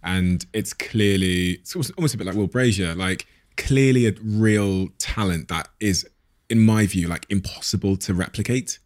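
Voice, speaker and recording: A man's voice: low voice, normal speed, few pauses, darkish tone. A man talking earnestly on a podcast, reflective and a little hesitant. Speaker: podcast guest. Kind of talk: casual podcast conversation.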